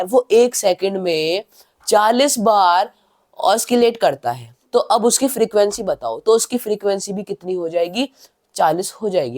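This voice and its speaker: Patient male tutor reading definitions slowly. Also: sits high, a little mellow. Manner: asks the listener rhetorical questions, then answers them; reads English definitions slowly, word by word. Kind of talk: explanatory science lesson.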